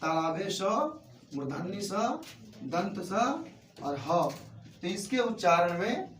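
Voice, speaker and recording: A man's voice: sits high, lively intonation, slow. A man with a Bihari accent teaching a grammar lesson in a classroom, asking the class questions and answering them himself. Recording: echoey room, far from mic, faint noise.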